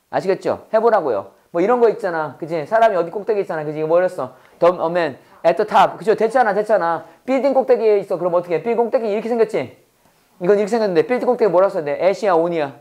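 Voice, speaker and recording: A man's voice: high voice, lively intonation, darkish tone. Man quizzing through a casual English lesson. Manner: quizzing, repeating questions and answering them himself; reads English phrases slowly and deliberately. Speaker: English teacher. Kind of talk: casual classroom lecture.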